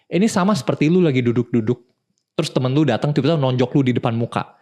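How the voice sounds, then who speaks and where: A man's voice: mid-range voice, expressive, quick pace, warm tone. A young man, hosting a talk show and explaining advice in a casual, direct way, calling the listener "bro". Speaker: podcast host.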